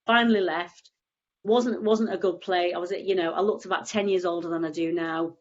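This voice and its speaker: Here the guest is an EFT tapping practitioner whose lowish voice keeps a fairly even intonation at a moderate pace, captured in lo-fi sound. Congested from a cold, she explains tapping informally on a video call, wandering and often starting over.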